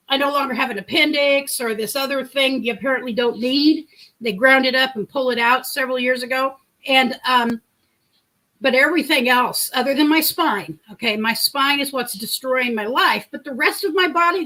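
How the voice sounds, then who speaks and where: A middle-aged woman talks casually on a livestream, rambling through a story and replying to chat comments. Her voice is big, high, pushed and bright, captured with poor audio.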